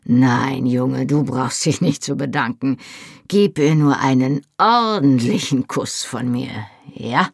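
The audiobook reader voicing a loud, lusty, burly Highland man who teases in a boisterous, bantering way. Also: takes it slowly, gravelly, husky, dry recording, clean studio sound, full character voice. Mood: boisterous teasing.

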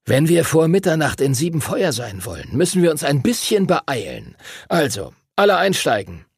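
A man's voice: on the high side, huge pitch swings, moderate pace, breathy edge, dry recording, studio quality, voice pushed up, exaggerated voice. A man voicing a brusque, gray-haired male pilot and teacher who barks out orders. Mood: brisk. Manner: brusque, commanding.

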